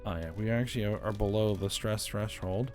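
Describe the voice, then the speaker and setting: A man's voice: on the low side, fairly even intonation, fairly quick, darkish tone, faint music behind. A man giving casual commentary while playing a strategy game, thinking aloud and often saying "all right". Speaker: strategy game let's-player.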